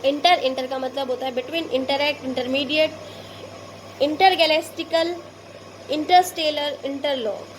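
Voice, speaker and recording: A woman's voice: sits high, steady tone, unhurried, a little hiss or hum. A woman teacher with an Indian Hindi accent, patiently explaining word prefixes to young pupils, repeating each example. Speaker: school English teacher.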